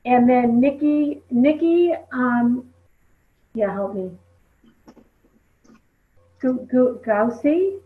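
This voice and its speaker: Brief: woman hosting a team call, chatty filler-heavy delivery, slightly high voice, tinny phone-line sound. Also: drawn-out words, pauses often. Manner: chatty, peppered with "you know". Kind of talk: conversational group call.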